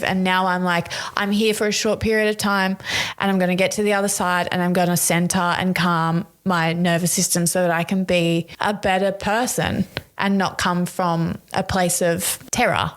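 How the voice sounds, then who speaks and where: A young adult woman speaking as a podcast guest, talking in an earnest, heartfelt way with many casual fillers. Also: lowish voice. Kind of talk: candid podcast conversation.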